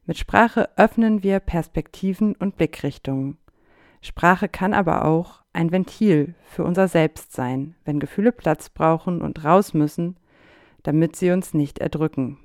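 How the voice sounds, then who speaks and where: A woman co-hosting a radio show, reading a prepared introduction to poems in a steady way from the studio. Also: low voice, no echo. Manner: reads from a prepared text, steady. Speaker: radio co-host.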